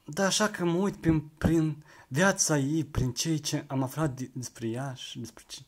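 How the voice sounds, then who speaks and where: Guy in his 20s, slightly high voice, rambly and hesitant, joking about himself. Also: husky. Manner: rambling and hesitant, full of restarts, self-mocking. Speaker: vlogger. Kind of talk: joking monologue to camera.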